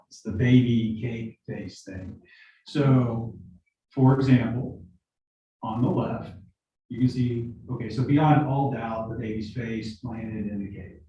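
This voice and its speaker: A man's voice: mid-range voice, distant mic. Man, questioning jurors, conversational, repeats himself, dull echoey video call audio. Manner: conversational, explains with examples, repeats words. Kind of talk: jury selection questioning.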